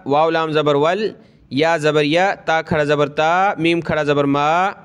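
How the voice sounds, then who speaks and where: A man teaching Quran reading, spelling out each letter and vowel mark and then chanting the word slowly, with quick explanatory asides in between. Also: fairly high pitch, steady tone, clear, resonant tone. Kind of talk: slow spelled-out recitation lesson.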